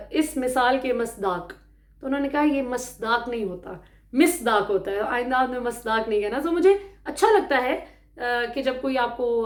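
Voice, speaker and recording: A Pakistani woman speaks directly to her viewers with political commentary, her voice high and emphatic. She sounds indignant and often switches into English phrases, while the room adds a noticeable echo.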